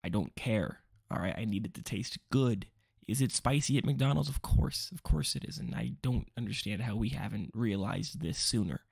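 A man's voice: lowish voice, lively intonation, normal speed, vocal fry, darkish tone, slightly rough, dry recording, studio quality. A young man rambling through a casual commentary video, joking and interrupting himself often. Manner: rambling, self-interrupting, jokey asides. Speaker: vlogger.

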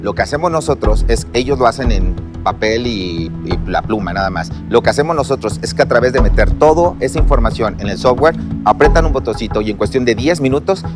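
A man with a Mexican Spanish accent pitching his business in a TV studio, earnest and explanatory. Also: expressive, fairly quick, few pauses. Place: large TV studio set. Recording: music bed under voice.

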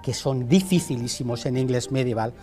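A man's voice: mid-range voice, normal speed, warm tone, faint music behind. Professorial man explaining. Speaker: author and guest; university teacher. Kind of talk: explanatory interview talk.

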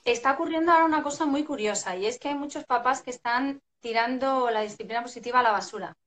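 A woman, speaking a little higher than most women. She explains parenting advice in a live video chat and acts out everyday family scenes as she goes. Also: quick pace, fairly bright tone. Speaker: parenting expert guest.

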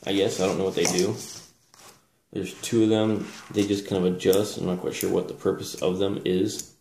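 Low-pitched man, rambling in an echoey room. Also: little pitch movement, normal speed, gravelly, dark tone. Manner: hesitant, rambling, self-correcting. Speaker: presenter reviewing collectible military gear. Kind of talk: casual unscripted show-and-tell. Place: small indoor room at a table. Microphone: camera mic, speaker off screen. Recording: roomy echo with background hiss.

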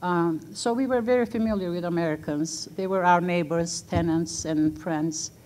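A Turkish-born woman in her sixties, a non-native English speaker, tells personal stories on a museum panel, using frequent fillers and laughing often. Her voice is fairly low and darkish at a normal speed, captured by a table mic on a stand on stage.

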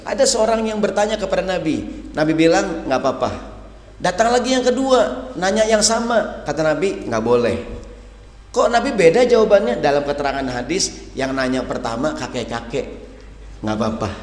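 A man preaching a lively, humorous sermon to a live audience, often acting out the people who come to him with questions. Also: a little high, moderate pace. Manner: animated, acts out questioners, addresses audience as hadirin. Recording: echoey hall with long reverb.

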